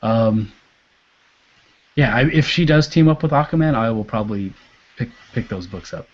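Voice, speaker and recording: Male podcast co-host, mid-range voice, relaxed and hesitant, dull lo-fi recording. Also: medium pitch, normal speed. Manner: laid-back, hesitant, many fillers, trails off quietly. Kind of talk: casual chat.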